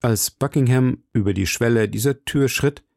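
A man narrating a classic novel as an audiobook in a measured, steady way. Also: medium pitch, creaky, dry recording, studio quality. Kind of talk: reading a classic novel aloud.

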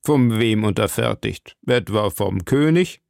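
A man voicing a powerful, scheming old cardinal who speaks slowly and probingly. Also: lowish voice, expressive, creaky, darkish tone, no echo, clean studio sound. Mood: mild. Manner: slow, measured, probing.

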